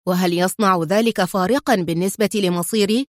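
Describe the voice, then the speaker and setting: A woman's voice: lowish voice, expressive, brisk, no echo, studio quality, close to an everyday voice. A woman voicing a bold male hero who answers with mocking defiance. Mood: defiant mocking.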